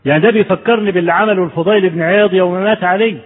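A man's voice: high-pitched, steady tone, very fast, long reverb tail, narrow, tinny audio. A man with an Egyptian Arabic accent preaching a conversational sermon, telling stories and asking his listeners rhetorical questions. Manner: storytelling, rhetorical questions to the audience.

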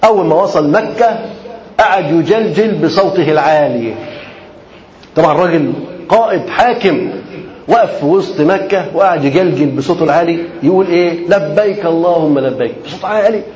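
A man's voice: fairly high pitch, fairly quick, darkish tone. A man with an Egyptian accent preaching a sermon, talking in colloquial, repetitive, emphatic phrases and mixing in formal Arabic. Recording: muffled, roomy lecture recording.

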